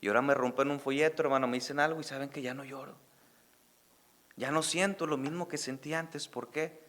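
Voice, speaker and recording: A Mexican man preaching a sermon as pastor, swelling into emphatic calls of "hermanos" and dropping to a hushed tone to tell his testimony. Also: mid-range voice, steady tone, fast. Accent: Mexican Spanish. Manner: drops to a soft, hushed storytelling voice for his testimony. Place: church service.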